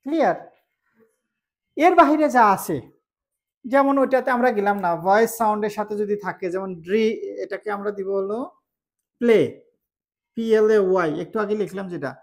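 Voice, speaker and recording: A woman with a Bangladeshi accent teaching English pronunciation, explaining slowly, repeating each word and asking if it is clear. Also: medium pitch, lively intonation. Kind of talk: spoken English lesson.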